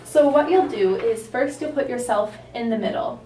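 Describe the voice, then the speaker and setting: A woman speaking as a calm, supportive therapist, asking gentle questions and affirming answers in a counselling session. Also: on the high side, normal speed. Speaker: counsellor in a practice roleplay session. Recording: roomy, distant mic, faint noise.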